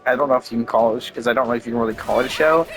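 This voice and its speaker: A man's voice: mid-range voice, very fast, faint music behind, rough recording. Rambling man commenting on his game. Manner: rambling, swears casually, thinks out loud. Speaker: gaming video creator. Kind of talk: casual gameplay commentary.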